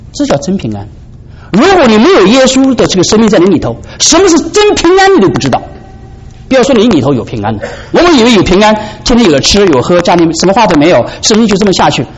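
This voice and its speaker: A man preaching a sermon in an animated way, often asking his listeners "right?". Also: high voice. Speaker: pastor. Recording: dull lo-fi recording with faint background noise.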